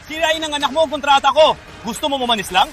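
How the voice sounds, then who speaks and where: A man playing a stern, high-voiced man. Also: quick pace, a bit bright.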